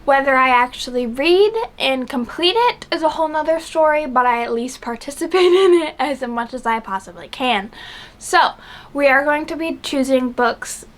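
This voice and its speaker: Casual rambly young woman, high voice, book channel host talking to camera. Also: expressive, normal speed. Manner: chatty, rambling, lots of fillers.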